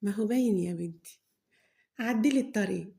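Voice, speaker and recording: A woman's voice: medium pitch, a little fast, vocal fry, warm tone, natural voice. A woman voicing a stern, sensible older village woman with an Egyptian accent, speaking firmly. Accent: Egyptian Arabic.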